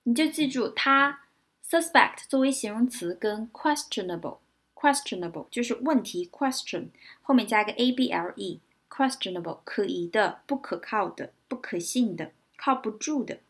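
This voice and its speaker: A woman with a fairly high, husky voice teaches English vocabulary. She spells words out letter by letter and repeats each example sentence slowly. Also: animated. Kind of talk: vocabulary lesson.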